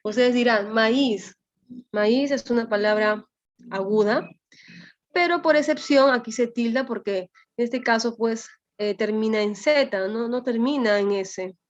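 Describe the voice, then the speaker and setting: A woman's voice: a little high, a little slow. A woman with a Peruvian accent teaching a language class over a video call, explaining step by step and often checking with "¿no?". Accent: Peruvian Spanish. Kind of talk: online class lecture. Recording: slightly dull lo-fi audio.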